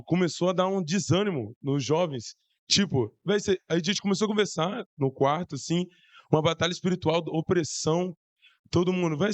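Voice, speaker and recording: A hoarse young man with a Brazilian Portuguese accent, telling a church testimony in an excited, slangy way. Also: high voice, dry recording. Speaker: church youth member giving testimony. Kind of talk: casual testimony to a congregation.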